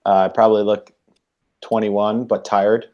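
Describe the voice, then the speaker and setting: Rambling low-voiced young man. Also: level tone, measured pace, muffled recording. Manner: rambling, hesitant, self-conscious. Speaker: guest. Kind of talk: casual hangout chat.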